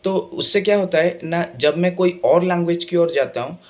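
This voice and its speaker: A man's voice: sits high, rapid-fire, darkish tone. A man from Odisha with an Odia accent and Odia as his first language, giving a spoken English pronunciation lesson and mixing in Hindi. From Odisha, India. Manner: mixes Hindi into English, repeats "right?". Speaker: English teacher.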